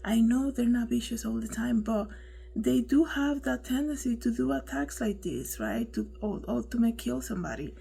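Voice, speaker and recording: Chatty woman with a gravelly, mellow voice. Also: a little high, lively intonation, normal speed, poor audio. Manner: chatty, keeps asking "right?", preachy asides. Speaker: online commentator. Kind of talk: casual commentary on a news story.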